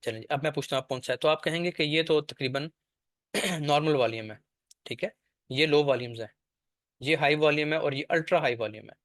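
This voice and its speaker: A man's voice: fairly high pitch, fairly quick, fairly bright tone, dry recording, studio quality. A man teaching a trading class over a screen share, explaining step by step and often checking that the listener follows.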